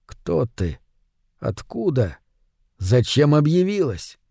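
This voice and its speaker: An uneasy, shaken diver, played by a male narrator, speaking low and hushed. The voice is warm and mellow, and the recording is dry and close. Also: moderate pace, no echo, close to an everyday voice. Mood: hushed dread.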